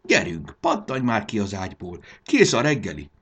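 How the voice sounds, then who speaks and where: A man voicing a fussy, affectionate old grandmother who calls out loudly in a storybook reading. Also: fairly low pitch, expressive, slightly rough. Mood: scolding. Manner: scolding yet affectionate, loud calls. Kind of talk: audiobook character voice.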